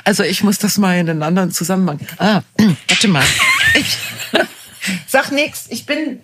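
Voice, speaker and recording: A woman's voice: mid-range voice, very animated, moderate pace, very noisy. A woman co-hosting a podcast from home, chatting eagerly and often trailing off mid-sentence before starting over. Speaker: podcast co-host. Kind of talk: casual chat.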